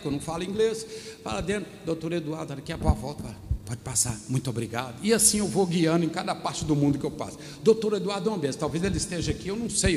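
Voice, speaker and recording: A pastor preaching a sermon, telling stories and acting out the dialogue himself. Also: male voice, a little high, darkish tone, slight background noise. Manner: storytelling, acting out dialogue in his own voice. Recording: echoey hall, faint ambience.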